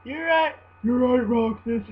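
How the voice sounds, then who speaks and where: A woman's voice: fairly high pitch, a little slow, breathy edge, voice pushed up. A woman voicing a shy, lovesick, self-doubting young man in an amateur dramatic story reading, earnest and hesitant. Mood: resigned. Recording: muffled, humming home recording.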